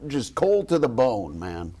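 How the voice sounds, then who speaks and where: A man who hosts a local TV news show, telling a lively, self-deprecating anecdote in casual studio chat. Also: medium pitch, a little slow, slightly rough. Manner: animated storyteller, self-deprecating, laughs as he talks. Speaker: TV news host.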